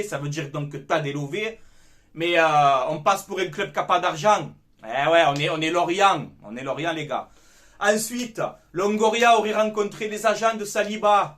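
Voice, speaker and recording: A young man vents about his club in a casual football debrief. His voice sits high, and he talks in a heated, sweary rant. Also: fairly bright tone. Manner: heated, ranting, swears freely. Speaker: football fan commentator.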